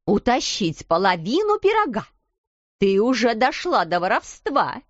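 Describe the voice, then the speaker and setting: A harsh headmistress shouting her scolding, as a woman narrator puts her on. The voice sits a little high and dry, close to the mic, and the storybook recording sounds dull and muffled. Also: huge pitch swings, unhurried, no room sound. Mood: furious.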